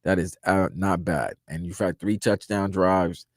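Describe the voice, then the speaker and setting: A man's voice: sits low, fairly even intonation, a little slow, no room sound, studio quality. A man co-hosting a sports radio show, breaking down the game emphatically, restarting his sentences. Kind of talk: postgame radio analysis.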